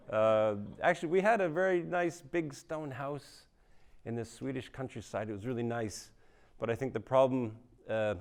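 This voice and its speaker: A middle-aged man from Canada doing live stand-up before an audience, dry and self-mocking, jumping into high squeaky voices for his impressions. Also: smooth. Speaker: stand-up comedian.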